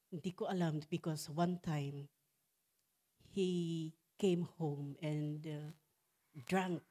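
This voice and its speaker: A middle-aged woman giving a church testimony and sermon, switching between English and Tagalog, often asking "Amen?" and pausing on fillers. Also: lowish voice, a little mellow. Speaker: church speaker.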